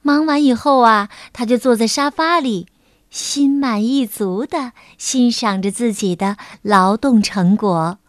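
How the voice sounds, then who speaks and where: A woman teacher narrating a children's picture book in a gentle, measured storytelling manner. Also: on the high side, no echo, clean studio sound.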